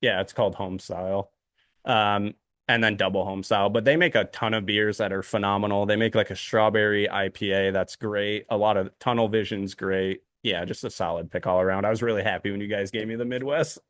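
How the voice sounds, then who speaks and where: A man's voice: on the low side, steady tone, brisk, a bit bright, no echo, clean studio sound. A man co-hosting a podcast, rambling casually with many ums and uhs. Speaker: podcast co-host. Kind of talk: casual chat.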